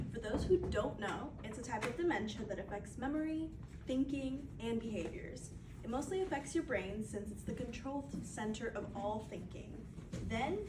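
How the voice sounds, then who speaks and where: A woman presenting a scripted hard-sell infomercial as its featured specialist, addressing the listener directly. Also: a little high. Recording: echoey room, distant mic, clearly noisy.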